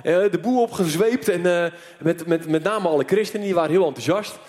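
High-voiced man preaching in a hall. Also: brisk. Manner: animated, lively storyteller with many fillers. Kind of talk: storytelling sermon. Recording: long hall reverb.

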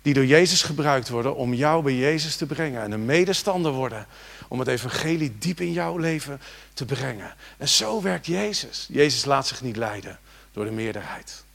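A man preaching a sermon, moving between quiet reflection and loud, rising exhortation and speaking directly to his congregation with rhetorical questions. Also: mid-range voice, expressive, moderate pace, vocal fry. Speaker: pastor.

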